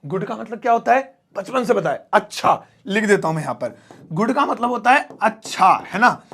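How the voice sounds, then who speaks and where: Playful high-voiced male English teacher, gravelly. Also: animated, moderate pace, a bit bright. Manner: playful and theatrical, with mock exclamations and jokes. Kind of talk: Hindi-language English lesson at a whiteboard.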